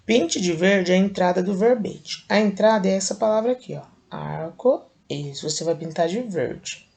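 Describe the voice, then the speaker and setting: A Brazilian woman teacher with a Brazilian Portuguese accent, slowly and patiently explaining a lesson step by step to young children. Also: medium pitch, darkish tone. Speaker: primary school teacher. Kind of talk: recorded video lesson for children.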